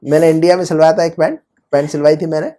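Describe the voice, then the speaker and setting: A man's voice: fairly high pitch, steady tone, mellow. A man teaching Arabic grammar in Urdu, explaining patiently and often asking his student check-up questions.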